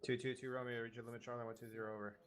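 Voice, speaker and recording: A man making brisk military radio calls in a game, heard over a radio channel. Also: medium pitch, slight background noise. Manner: brisk, flat radio call. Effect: radio transmission over game voice chat. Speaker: squad radio operator.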